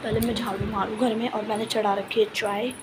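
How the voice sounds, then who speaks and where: A woman's voice: medium pitch, flat delivery, a little fast, background noise. A young woman chatting casually to her viewers in a home vlog, talking about chores and her day. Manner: chatty, talks to viewers as guys. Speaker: vlogger.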